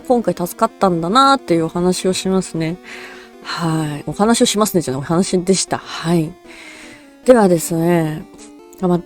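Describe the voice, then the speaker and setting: A woman narrates a true story in a relaxed, rambling style, full of fillers and small chuckles. Her voice is lively, rising and falling freely as she goes. Soft music plays faintly behind her. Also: lowish voice. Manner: rambling, casual, chuckles often, many fillers. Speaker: virtual cat-spirit storyteller.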